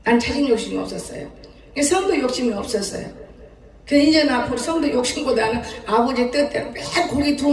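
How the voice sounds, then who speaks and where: A woman in her seventies, a pastor preaching a sermon in a folksy storytelling way, often laughing as she talks. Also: high voice. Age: 70s. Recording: echoey church hall, distant mic.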